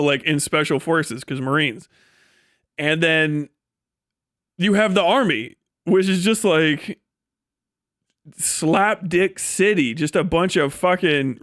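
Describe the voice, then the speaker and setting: A live streamer with a slightly high, fairly bright voice delivers casual, opinionated talk, blunt and profane. He rambles through explanations that blend formal vocabulary with slang, captured in studio quality with no room sound.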